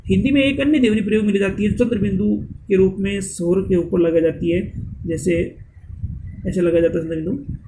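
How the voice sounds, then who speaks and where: A man's voice: sits high, steady tone, fairly quick, warm tone, a little hiss or hum, rough recording. A man giving a grammar lesson, reading out definitions and listing letters one at a time, sometimes correcting himself. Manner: reads definitions, then lists letters one by one, self-corrects. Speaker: Hindi grammar teacher. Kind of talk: classroom-style grammar lesson.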